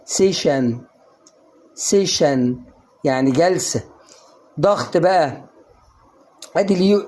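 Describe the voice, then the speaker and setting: A young man with an Egyptian Arabic accent, teaching English pronunciation online in an energetic, coaxing way that asks and answers its own questions. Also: on the high side. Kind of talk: online lesson to viewers.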